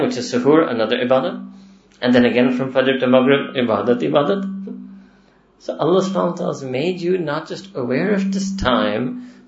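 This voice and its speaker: A man's voice: medium pitch, gravelly, slight background noise. A man giving a religious lecture in a conversational way, asking rhetorical questions and chuckling now and then. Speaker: religious teacher. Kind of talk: lecture-style sermon to young listeners. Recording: roomy, dull lo-fi recording.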